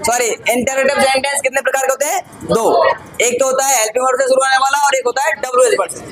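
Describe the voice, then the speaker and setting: A male teacher leads a grammar lesson in a classroom, his voice very high for a man. He keeps checking with the students, calling them brother and son. A faint hum of the room sits behind him. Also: steady tone, quick pace. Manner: addresses students as "bhai" and "beta", asks frequent check questions.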